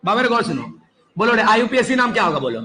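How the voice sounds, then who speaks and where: Brief: young male chemistry teacher, high and lively voice, classroom lecture with faint background noise. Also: fast, rough recording. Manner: animated, coaxing students, repeated calls to listen.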